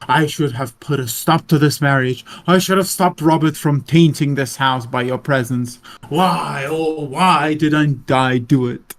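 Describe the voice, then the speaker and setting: A man's voice: on the high side, a little slow, few pauses, pitched below the performer's own voice. A man voicing a pious old grandfather, tormented by his sins, in a solemn, theatrical manner. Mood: anguished.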